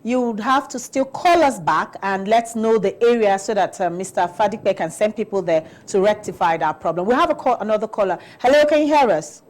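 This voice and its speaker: Brisk woman hosting a phone-in. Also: medium pitch, expressive. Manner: brisk, businesslike moderating. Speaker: talk show host taking phone calls. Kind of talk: live phone-in talk show.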